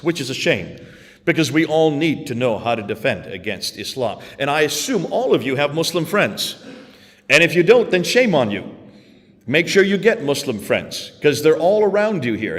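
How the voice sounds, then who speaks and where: Man speaking in a reverberant hall. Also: mid-range voice. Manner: conversational, asks the audience questions. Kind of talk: public talk to a church audience. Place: large hall with long reverb.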